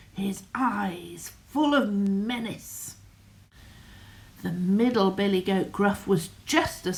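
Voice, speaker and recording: An older woman reads a bedtime story aloud at an unhurried, gentle pace. Her voice sits in an ordinary middle pitch and often drops to a soft half-whisper. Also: low-quality recording.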